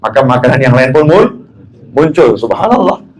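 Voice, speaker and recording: An Indonesian male preacher gives a religious talk in a mid-pitched voice. He tells anecdotes, makes jokes and throws questions out to his audience. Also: big pitch swings, moderate pace, poor audio. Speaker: habib preacher.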